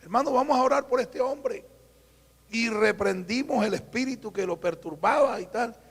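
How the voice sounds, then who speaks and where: High-voiced Colombian preacher with gravelly fry. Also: male voice. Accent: Colombian Spanish. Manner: storytelling preacher, slows and drops to a hush for quoted lines. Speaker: pastor. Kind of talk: sermon with acted-out dialogue. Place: church. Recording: live church recording, long hall reverb.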